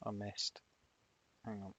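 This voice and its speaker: Streaming a geography guessing game, a Sunderland man jokes bluntly and keeps repeating his gags in casual banter, speaking in his local Sunderland accent. Here his voice is bright and forceful, and he takes it slowly.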